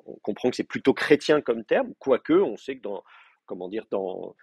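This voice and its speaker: Male lecturer, slightly raspy, mid pitch, recorded dry; explains step by step with many fillers. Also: sing-song, moderate pace, no room sound. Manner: thinking aloud with many hesitations; explains terms patiently, writing them out for the class. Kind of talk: university lecture. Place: classroom.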